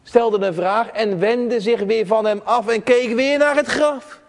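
Male preacher with a high voice, delivering an expressive sermon in a reverberant church. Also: measured pace. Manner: expressive, with many rhetorical questions.

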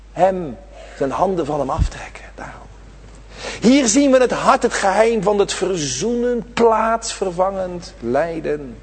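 A man preaching a sermon to his congregation, swinging between loud, drawn-out emphasis and quiet, low asides. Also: husky, in a large hall. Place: church.

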